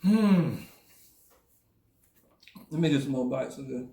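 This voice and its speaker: A man's voice: mid-range voice, little pitch movement, rapid-fire, vocal fry, dark tone, echoey room. A man tasting a dish on camera, joking and playful, talking while he chews. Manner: playful, joking, chewing between words. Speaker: host's husband tasting the food. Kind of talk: casual chat while eating.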